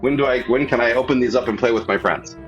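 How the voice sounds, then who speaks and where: A man's voice: mid-range voice, fast, a bit bright, highs cut off, soft background music. A male guest chatting on a livestream, enthusiastic and encouraging. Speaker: guest, indie game publisher. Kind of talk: casual chat.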